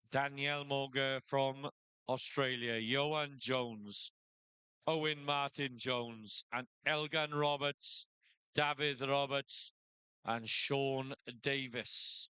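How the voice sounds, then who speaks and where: A male live event commentator with a bright, forceful and exceptionally clear voice. He announces a shearing contest at a measured pace, rallying competitors by name and stand number. The sound is dry and close. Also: medium pitch, no room sound.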